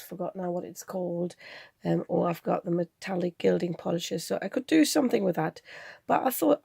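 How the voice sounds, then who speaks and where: A woman with a croaky voice from a cold, chatting her way through a crafting tutorial and thinking aloud as she works. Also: medium pitch, darkish tone, dry recording, studio quality. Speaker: card-making channel host.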